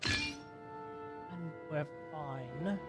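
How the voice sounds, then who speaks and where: Casually rambling through a game, this young adult Australian streamer thinks aloud and chats to viewers, sometimes shouting out suddenly. He speaks very slowly at medium pitch, with loud music behind his voice.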